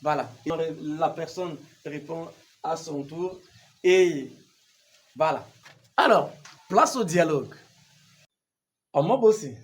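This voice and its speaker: A man giving a patient language lesson, explaining slowly and repeating each phrase. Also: on the high side. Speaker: language teacher.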